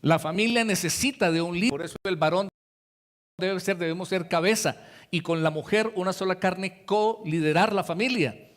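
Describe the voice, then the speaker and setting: A man's voice: sits high, normal speed. A man preaching a sermon as pastor, talking to the congregation in a conversational way and acting out the voices he quotes. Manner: conversational preaching, addresses listeners directly, acts out quoted voices.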